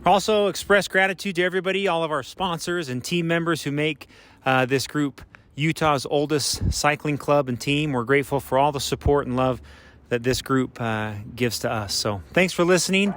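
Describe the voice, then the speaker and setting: Brisk, upbeat male podcast host. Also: fairly high pitch, a bit bright, slight background noise. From Utah. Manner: brisk, upbeat delivery with frequent fillers. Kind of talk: podcast introduction and announcements.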